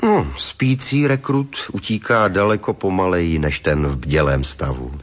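A man narrating a historical documentary in a dry, matter-of-fact way. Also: low-pitched.

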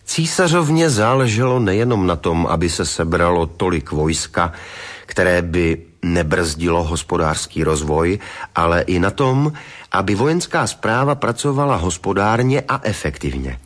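A man's voice: low voice, lively intonation. A man narrating a historical documentary in a dry, matter-of-fact way.

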